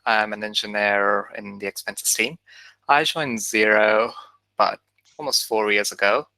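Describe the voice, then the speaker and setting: An easygoing man from India introduces himself as a software engineer with a touch of humor. His fairly low voice is bright and a little tense, recorded dry and close on a video call. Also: measured pace, dry recording, poor audio. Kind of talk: casual self-introduction.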